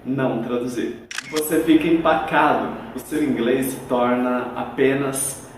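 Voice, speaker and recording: A man's voice: mid-range voice, steady tone, unhurried. A Brazilian man teaches a video lesson, patiently laying out examples one at a time. His voice rings in a very roomy space, picked up from well back from the microphone, with a faint hiss underneath. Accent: Brazilian Portuguese. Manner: didactic, spells out examples step by step. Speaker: English teacher. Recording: very echoey room, far from the mic.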